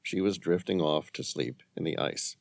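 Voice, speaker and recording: A man narrating a thriller audiobook in a measured, expressive storytelling manner. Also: very deep voice, gravelly, no echo, clean studio sound. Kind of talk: scripted narration.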